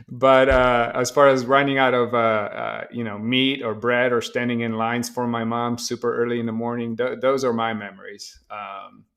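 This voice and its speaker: A middle-aged man from Poland, a company founder answering interview questions in a relaxed, hesitant way with many fillers. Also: mid-range voice, moderate pace. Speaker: guest, tech company founder. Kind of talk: casual interview conversation.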